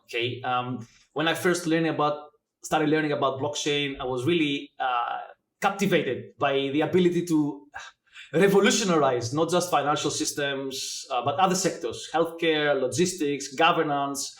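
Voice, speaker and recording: A man in his forties, originally from Greece, answers questions about his background as an interview guest. His voice sits slightly high for a man and carries an echo from the room. He pauses often with fillers while he thinks out loud. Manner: thoughtful, many filler pauses. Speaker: guest, blockchain educator. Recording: echoey room.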